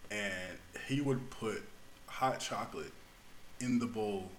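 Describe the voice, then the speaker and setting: A man co-hosting a casual podcast, telling stories and acting out the yelling. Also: lowish voice, takes it slowly. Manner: storytelling, acts out yelling voices. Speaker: podcast co-host. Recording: echoey room with faint noise.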